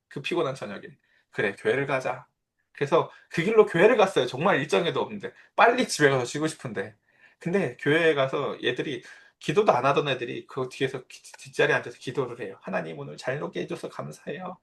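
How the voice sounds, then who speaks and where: A man's voice: fairly high pitch, animated, fast, creaky, fairly bright tone. A man in his thirties, a pastor, giving a conversational sermon and telling personal stories. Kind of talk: sermon with Bible reading.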